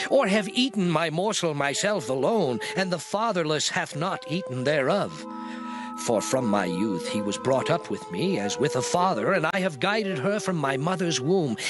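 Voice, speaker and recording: An actor playing Job, a suffering righteous man solemnly protesting his innocence in a dramatized scripture reading. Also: a little high. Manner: solemn, declamatory, earnest. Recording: music bed under voice. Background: music.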